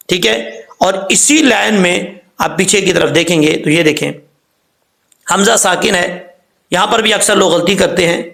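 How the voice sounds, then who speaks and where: Man, Pakistani accent, recitation teacher, gravelly, slow drawn-out spelling between quick explanations. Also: high voice, fairly bright tone.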